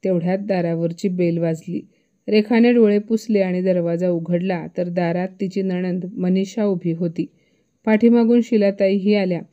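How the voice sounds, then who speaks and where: A woman storyteller calmly reading a moral story in a soft narration. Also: lowish voice, normal speed. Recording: slightly dull lo-fi audio.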